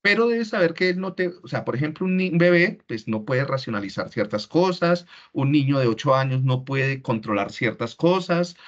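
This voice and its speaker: A man giving an online parenting workshop in a conversational way, often checking in with the audience. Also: fairly high pitch. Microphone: video call. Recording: dull lo-fi call audio.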